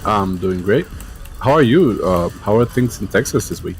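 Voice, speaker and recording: A man's voice: on the low side, animated, normal speed, faint music behind. A man from Puerto Rico with a Puerto Rican accent, chatting casually. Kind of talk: casual chat.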